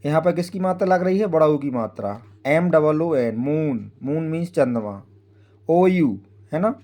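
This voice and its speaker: Male phonics teacher, slightly high, mellow voice, patient and repetitive, spells out letters. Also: expressive, normal speed. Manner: frequent tag "है ना" checking with the viewer. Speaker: English teacher. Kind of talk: Hindi-language English phonics lesson.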